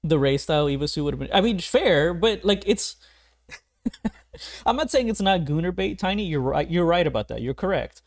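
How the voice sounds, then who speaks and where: A man's voice: high voice, lively intonation, moderate pace. A young man streaming a video game, rambling in casual commentary, laughing often and swearing casually. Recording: game music playing behind.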